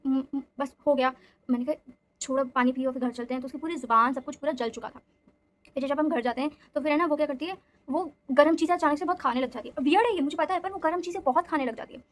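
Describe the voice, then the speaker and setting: A young woman telling a story in a casual vlog, animated and mixing in English phrases. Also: high-pitched, fast.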